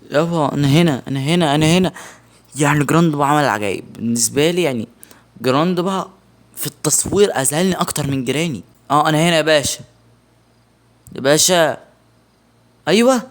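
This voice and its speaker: An excitable young man with an Egyptian Arabic accent, giving let's-play commentary on a horror game, yelping in alarm and muttering to himself. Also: a little high. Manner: excitable, shouts in alarm, mutters under breath. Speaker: gaming channel host.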